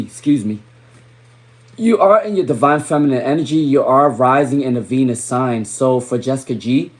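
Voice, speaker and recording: A young adult man from Rhode Island, speaking in a mid-range voice, does live tarot readings on a stream. He repeats viewers' names and mutters softly as he draws cards.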